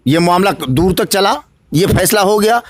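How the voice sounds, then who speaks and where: A man's voice: high-pitched, normal speed, no room sound. A man with a Bihari Hindi-Urdu accent answering interview questions as an election candidate, in a preacherly way that rises to emphatic declamation.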